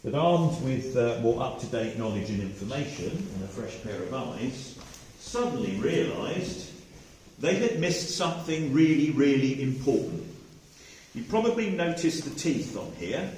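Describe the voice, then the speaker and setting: A man's voice: mid-range voice, a little slow, a little hiss or hum. Man guiding a tour with cave echo. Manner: lively, explanatory, addresses the group directly. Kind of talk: guided tour talk to visitors. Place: underground cave. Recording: echoey cave from far off with faint ambience.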